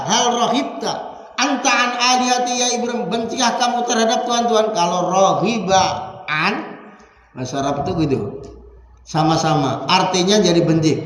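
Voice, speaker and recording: A man preaching a mosque sermon with a lively delivery, acting out quotes and chanting Arabic verses. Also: sits high. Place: large mosque hall. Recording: very echoey hall, faint hum.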